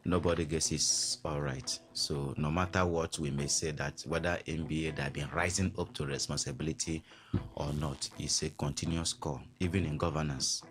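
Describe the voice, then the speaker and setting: A man, a guest on a radio talk show, speaking in a measured, reflective way. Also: rumbling low, fairly even intonation, fairly bright tone. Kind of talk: casual studio chat.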